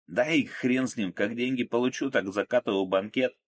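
A man voicing a brash, boastful, excitable man in an audiobook. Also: mid-range voice, normal speed, voice pushed up, natural voice. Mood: boastful chatter. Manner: loud, boisterous, pushy.

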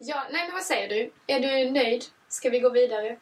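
A woman's voice: on the high side, animated, recorded from a distance. A woman co-hosting a casual podcast chat, telling stories with many fillers. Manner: chatty storyteller, many fillers. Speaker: podcast co-host.

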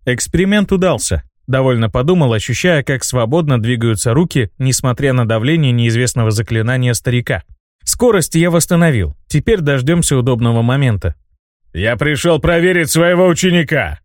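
A man narrating an audiobook in the first person with steady, tense storytelling. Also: mid-range voice, fairly quick, no room sound, studio quality. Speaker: audiobook reader.

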